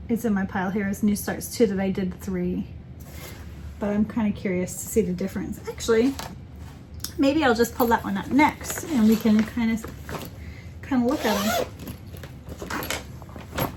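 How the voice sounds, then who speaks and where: Chatty woman with a slightly high voice. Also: darkish tone, slight background noise. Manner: chatty, rambling, self-correcting with many ums. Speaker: cross-stitch vlogger. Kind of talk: casual chat.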